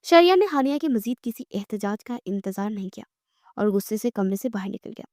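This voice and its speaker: A woman narrating a romantic novel in an expressive storytelling manner. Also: medium pitch, no room sound, clean studio sound. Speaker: audiobook narrator.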